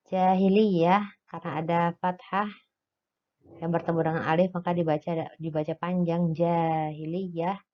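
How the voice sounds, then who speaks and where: A woman teaching a recorded lesson, explaining slowly step by step and pausing on "eh" fillers. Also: lowish voice. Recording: dull lo-fi recording.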